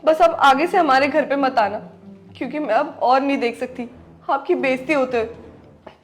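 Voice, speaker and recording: High-voiced woman as a wounded young wife, reproachful, faint music behind. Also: normal speed, close to an everyday voice. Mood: sorrowful. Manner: hurt, reproachful, emotional. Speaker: wife in a family skit. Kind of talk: scripted family drama skit.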